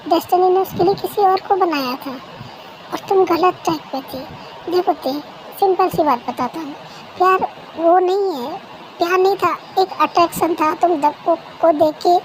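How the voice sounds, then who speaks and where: Someone voicing a patient, caring young husband in a fan-made audio drama, soft and reassuring. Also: very high-pitched, normal speed, slight background noise, low-quality recording. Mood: explaining.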